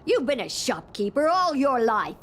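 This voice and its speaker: An actress playing a bossy, exasperated frontier shopkeeper's wife in a video game, with an Old West American drawl. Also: female voice, high-pitched, very animated, moderate pace, a bit bright, slight background noise. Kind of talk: video game character acting.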